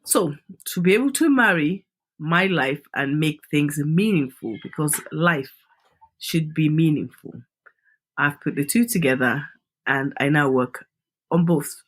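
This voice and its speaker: A woman's voice: low-pitched, animated, measured pace. Middle-aged Nigerian woman, Nigerian accent, emphatic interview guest. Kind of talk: podcast interview.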